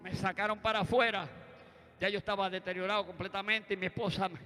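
Preacher, man, high bright voice, keeps calling out amen between lines. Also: level tone, quick pace. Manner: punctuates his story with calls of amen and praise. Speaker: preacher giving a testimony. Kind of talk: sermon testimony. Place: church. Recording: church hall reverb with faint music.

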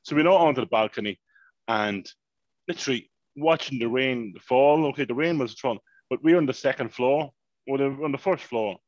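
A man, telling a long, animated story in casual podcast chat and swearing freely. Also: mid-range voice, brisk, no echo, highs cut off. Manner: animated, swears freely, repeats "mayhem" and "unbelievable". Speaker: podcast co-host.

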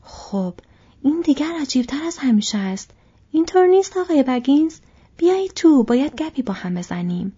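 A woman voicing a stout, red-faced male hobbit farmer who is gruff but hospitable and talks loudly and heartily. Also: medium pitch, animated, highs cut off. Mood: hearty. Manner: loud, hearty, talkative.

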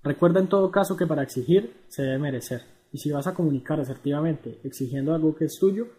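Mellow-voiced man narrating a lesson. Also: on the high side, fast talker. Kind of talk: scripted educational narration.

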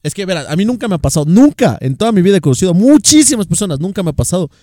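A man's voice: high-pitched, very fast, no echo, studio quality. A young man with an Ecuadorian Spanish accent, chatting casually and telling stories as a podcast co-host, full of slang. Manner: slangy, animated, storytelling. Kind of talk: casual chat.

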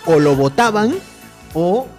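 Lively Peruvian man telling a story. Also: high voice, takes it slowly, faint music behind. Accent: Peruvian Spanish. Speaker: podcast co-host. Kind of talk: casual chat.

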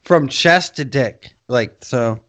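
A man's voice: mid-range voice, slow pace, fairly bright tone. Rambling, foul-mouthed man co-hosting. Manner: rambling, profane, laughs between phrases. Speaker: podcast co-host. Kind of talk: casual chat. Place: podcast studio.

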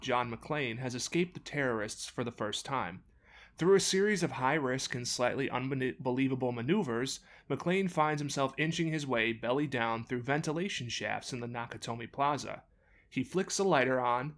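A man's voice: mid-range voice, a bit bright. A man hosting a podcast, reading a scripted sports story with wry, sarcastic asides. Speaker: podcast host.

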